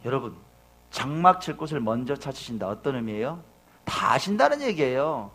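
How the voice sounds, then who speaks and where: A middle-aged man preaching a sermon as pastor, telling a story with emotion, moving between hushed and loud passages. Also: mid-range voice, very animated, moderate pace, husky.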